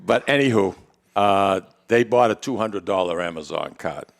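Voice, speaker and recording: A man co-hosting a casual podcast chat, quick with quips and teasing. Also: fairly low pitch, animated, gravelly. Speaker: podcast co-host.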